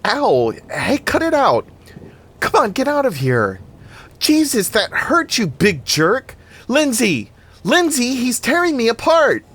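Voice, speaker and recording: A man's voice: mid-range voice, lively intonation, normal speed, a bit bright, pitched above the performer's own voice, lightly acted. A man reading aloud and voicing a blunt, mocking teenage girl. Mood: yelling. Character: crude, sarcastic teenage girl.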